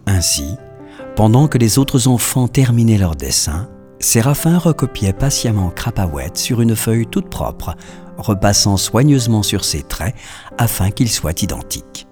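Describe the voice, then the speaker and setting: A man narrating a children's story in an expressive, storytelling manner. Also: lowish voice, a little slow, soft background music.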